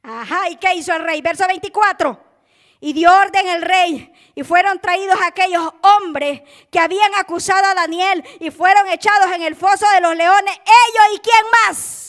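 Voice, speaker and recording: A woman preaching a sermon with passion, calling her listeners brother and swinging from loud to hushed. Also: very high voice, normal speed.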